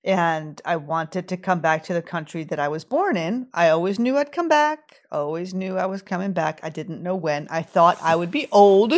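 Solo podcast host, woman in her forties, born in Sweden, candid storyteller with a morning throat, voice sits a bit low. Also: moderate pace, hardly any pauses. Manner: candid, storytelling, acts out her own quotes. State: morning throat, sipping coffee.

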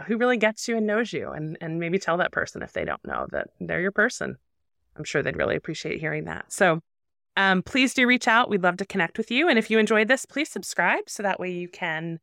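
A woman in her forties co-hosting a podcast, chatting casually and telling animated stories with playful voices for the people in them. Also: on the low side, no echo, studio quality. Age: 40s. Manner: animated storyteller, acts out voices in anecdotes. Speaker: podcast co-host. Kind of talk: casual chat.

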